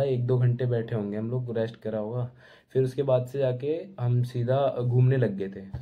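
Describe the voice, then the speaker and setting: A young man telling a rambling, casual travel story to camera from home. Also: mid-range voice. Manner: chatty, rambling, keeps saying bhai. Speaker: travel vlogger. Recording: tinny phone-like sound.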